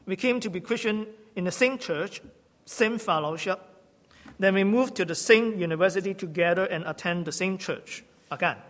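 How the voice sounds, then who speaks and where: High-voiced man. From Hong Kong. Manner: halting, self-correcting, gently humorous. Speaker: church teacher. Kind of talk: sermon-style teaching talk. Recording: long hall reverb.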